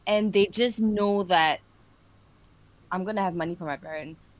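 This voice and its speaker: A woman's voice: mid-range voice, normal speed, dry recording. A woman with a Singaporean accent chatting casually as a co-host in colloquial Singlish. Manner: colloquial Singlish with sentence particles. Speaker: podcast co-host. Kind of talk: casual chat.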